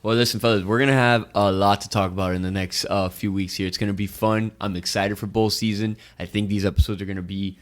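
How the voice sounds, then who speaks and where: A man's voice: lowish voice, steady tone, fast, hardly any pauses. A man co-hosting a sports podcast, upbeat and steering the casual chat. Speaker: podcast co-host.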